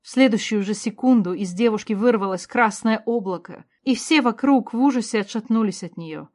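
A woman reading a first-person fantasy story aloud in a steady, clear voice. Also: fairly high pitch, moderate pace. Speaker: narrator.

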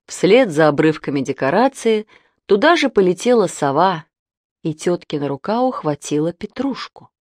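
A woman narrating a children's audiobook in an expressive storytelling manner. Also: lowish voice, normal speed, no room sound, clean studio sound.

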